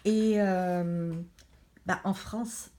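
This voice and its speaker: A middle-aged woman talks through a colouring book in a relaxed, meandering way. She speaks slowly and hesitantly, with plenty of pauses and fillers. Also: medium pitch. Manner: chatty, rambling, hesitant with many pauses. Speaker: craft vlogger. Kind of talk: casual chat showing a colouring book.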